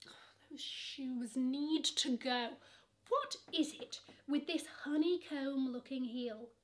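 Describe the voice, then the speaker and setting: A young English fashion vlogger sits at her camera in a bedroom lined with shelves of shoes, sassily gushing through her luxury online shopping and calling the bags "she." Her voice is high and her pace slow.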